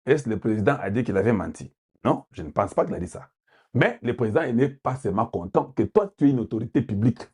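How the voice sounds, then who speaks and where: A man from Congo with a Congolese French accent, delivering heated, forceful political commentary and repeating points for emphasis. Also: medium pitch, lively intonation, fast, breathy edge. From Democratic Republic of the Congo.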